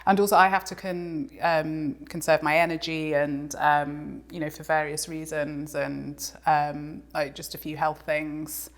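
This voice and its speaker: A woman's voice: sits low, little pitch movement, measured pace, hardly any pauses. A woman, a composer talking reflectively as an interview guest, with many ums and restarts. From England. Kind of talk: casual interview conversation.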